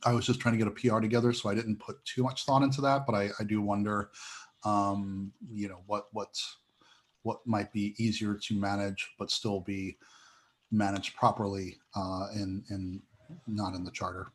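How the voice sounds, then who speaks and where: Halting man with a flat voice. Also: on the low side. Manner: hesitant, many fillers and restarts. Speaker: committee member. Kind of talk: online meeting update.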